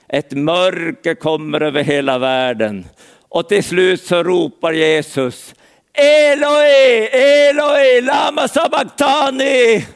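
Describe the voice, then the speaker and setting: A man's voice: a little high, creaky. A man preaching an earnest sermon, speaking directly to listeners by name.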